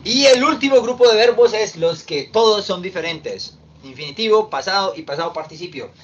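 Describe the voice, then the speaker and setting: A man teaching an online English class, slowly explaining and repeating verb forms. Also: high-pitched, animated. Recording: distant, dull lo-fi audio with faint noise.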